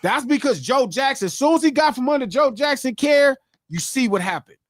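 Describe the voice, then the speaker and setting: High-voiced man hosting a live stream. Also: fairly quick, dry recording, studio quality. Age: 50s. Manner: reads viewer shout-outs, animated banter. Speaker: podcast host reading donations. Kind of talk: casual live-stream chat.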